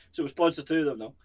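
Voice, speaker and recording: A man's voice: on the high side, husky. Scottish male co-host, rambling casual banter, salty and jokey. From Scotland. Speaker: co-host of a paranormal channel. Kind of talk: casual chat.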